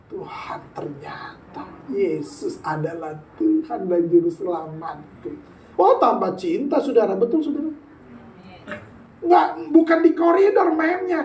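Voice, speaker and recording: A man preaching a sermon as pastor, joking and bantering with the congregation and slipping into casual slang. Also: very high voice. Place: church sanctuary. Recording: echoey church hall, heard from a distance.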